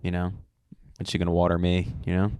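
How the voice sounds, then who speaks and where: A man co-hosting a podcast in casual chat, jokey and riffing, quick to crack himself up. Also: sits low, completely flat delivery, darkish tone, clean tone, no room sound, studio quality. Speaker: podcast co-host. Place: bedroom.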